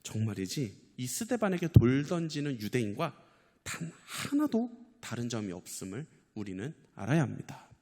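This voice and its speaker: A male pastor preaching a sermon with passion, swelling loud and then dropping to hushed, low endings. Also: big pitch swings, moderate pace. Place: church sanctuary. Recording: long hall reverb in a church.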